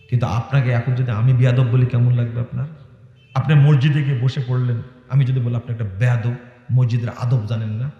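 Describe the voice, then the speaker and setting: A middle-aged man preaching a sermon, scolding his listeners with rhetorical questions and rising to shouts. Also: medium pitch. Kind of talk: Bengali waz sermon. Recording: echoey hall with long reverb.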